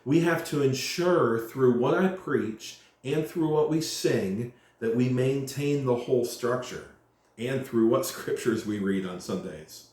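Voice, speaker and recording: A male pastor speaking earnestly in a teaching way, slowing down to stress long lists. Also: medium pitch, expressive, darkish tone. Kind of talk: church announcement talk, sermon-like. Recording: very echoey room.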